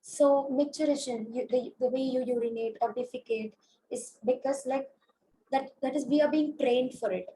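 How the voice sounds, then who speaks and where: A consultant physiotherapist with an Indian English accent gives a webinar lecture over a video call, her high voice hoarse from a throat infection yet warm and steady at a moderate pace. She explains things step by step, with frequent fillers and restarts. The recording is low quality, with a faint hiss beneath the call.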